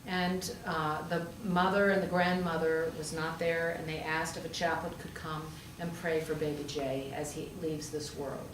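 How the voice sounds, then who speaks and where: A deep-voiced woman preaches in a roomy space at a moderate pace with fairly even intonation and few pauses. A pastor and hospital chaplain, she gives a conversational storytelling sermon full of rhetorical questions and emphatic repetition; the distant pickup carries faint noise.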